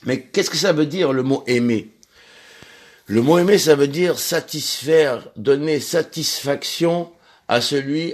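Guy teaching a prayer class, stops and repeats himself a lot, sounds out hebrew letters. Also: mid-range voice. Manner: halting, repeats words while searching. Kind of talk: religious lesson.

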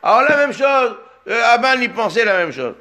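A man teaching an animated Torah lesson, reading Hebrew sources and explaining them with emphatic bursts. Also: very high-pitched, moderate pace.

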